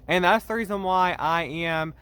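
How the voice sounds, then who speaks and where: A young man talks straight to the camera about his own channel, earnest and a little defensive as he explains himself. His voice sits a bit high for a man and has a bright, forward edge. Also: moderate pace, clean tone. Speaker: YouTube channel host. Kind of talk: direct-to-camera vlog talk.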